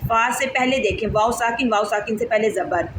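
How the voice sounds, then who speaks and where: A fairly high-voiced woman teaching a recitation lesson, spelling out sounds slowly and stretching vowels for her pupils. She pauses often to check that everyone understands. The room echoes and steady noise hums behind her. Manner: patient, drills syllables slowly and asks pupils check questions. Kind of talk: online class lesson.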